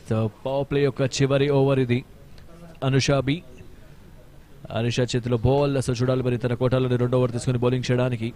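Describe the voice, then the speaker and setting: A man with a Telugu accent giving excited live cricket commentary, mixing in English cricket terms. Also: mid-range voice. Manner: excited, animated calls of wickets and boundaries. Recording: faint stadium noise behind.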